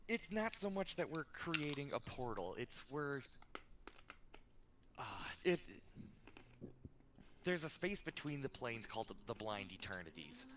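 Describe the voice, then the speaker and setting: A man playing a tabletop game, explaining things in a hesitant, halting way. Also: mid-range voice, sing-song, noisy background. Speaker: player. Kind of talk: casual tabletop play.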